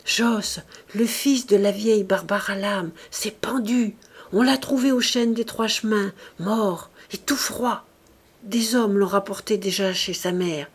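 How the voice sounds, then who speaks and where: A woman voicing a shaken elderly village mayor who passes on dreadful news in a hushed whisper. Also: high voice, unhurried, husky, exaggerated voice. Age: older.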